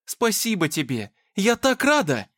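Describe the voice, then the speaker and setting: A man's voice: sits high, unhurried, pitched above the performer's own voice, exaggerated voice. A man voicing a bubbly young woman. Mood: excited. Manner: bubbly, excitable. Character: young woman, eager, anxious to please.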